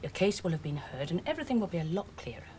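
An actress playing a middle-aged, composed social worker who speaks in a measured, official way in a television drama. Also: female voice, on the low side, very animated, mellow, slight background noise. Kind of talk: naturalistic television drama acting. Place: office indoors.

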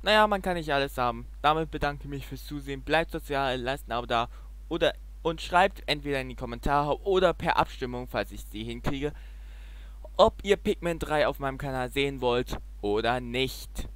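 A man doing casual reaction commentary as a streamer, with an animated, exclamatory way of talking. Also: mid-range voice, moderate pace, clear, resonant tone, no echo. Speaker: streamer making reaction videos.

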